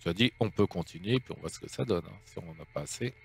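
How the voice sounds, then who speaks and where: A man's voice: deep voice, expressive, fast talker, creaky, soft background music. A man hosts a video game let's play and keeps up a casual running commentary. He jokes as he goes and reads the game's dialogue and news text aloud.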